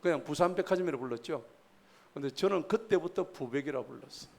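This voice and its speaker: Joking older pastor. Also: male voice, on the high side, brisk, gravelly, a little mellow. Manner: folksy, joking, quizzes the congregation. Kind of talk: sermon. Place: church service.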